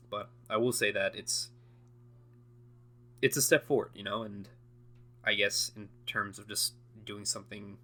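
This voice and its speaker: Rambling young man with a bright voice. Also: lowish voice. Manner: rambling and hesitant, many fillers and restarts, laughs often. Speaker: audio diary vlogger. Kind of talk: unscripted casual monologue.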